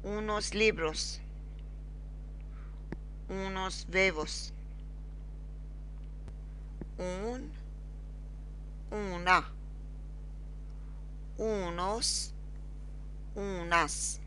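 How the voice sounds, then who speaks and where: A woman with as her teaching a beginners' lesson, halting and repeating words slowly. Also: medium pitch, bright, forceful tone, a little hiss or hum. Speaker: language teacher. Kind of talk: slow screen-recorded lesson.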